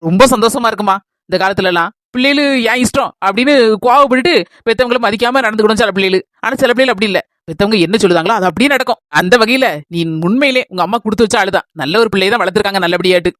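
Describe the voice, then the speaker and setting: A woman acting a motherly village woman in a comedy skit, with a Kanyakumari Tamil accent, calmly explaining. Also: mid-range voice, racing, no echo, natural voice. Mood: coaxing. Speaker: skit actress.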